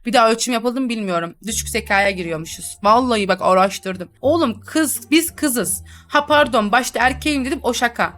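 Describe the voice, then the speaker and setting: A woman's voice: on the high side, animated, brisk, hardly any pauses, a bit bright. A young woman chatting and teasing through a role-play game, laughing often as she comments. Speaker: gaming YouTuber.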